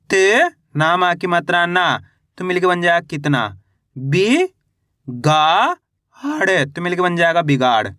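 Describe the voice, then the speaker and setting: A man's voice: sits high, fairly bright tone, no room sound, studio quality. A man teaching Hindi reading by sounding out each syllable, then saying the whole word, and asking questions that he answers himself. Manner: asks the viewer questions and answers them himself. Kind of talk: slow spelling-out lesson.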